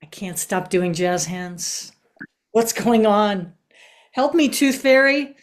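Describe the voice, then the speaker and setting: A woman playing a vicious, cynical lawyer in an improvised comic scene, talking brashly and deadpan over a video call. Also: lowish voice, slow pace. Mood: panicked.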